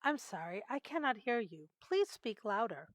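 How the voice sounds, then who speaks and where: A woman's voice: on the high side, big pitch swings, normal speed, no echo, studio quality. A woman playing a detached, formally polite telephone operator in an old-time radio drama.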